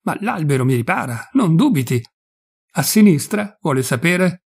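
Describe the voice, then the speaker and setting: A man's voice: a little high, big pitch swings, normal speed, vocal fry, slightly rough, pitched above the performer's own voice, exaggerated voice. A brave young boy calls down his answers from a treetop, as a man reading a storybook puts him on. The voice rides a few steps above the reader's own, earnest and eager, never frightened. A classic children's storybook read aloud. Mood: bold.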